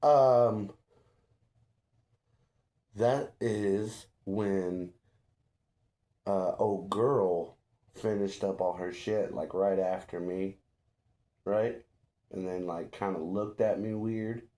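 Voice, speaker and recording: A man's voice: low-pitched, drawn-out words, long pauses, warm tone. A man playing in a tabletop game, chatting casually about the session in a blunt, crude, joking way. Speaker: player. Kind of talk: casual chat. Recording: roomy echo.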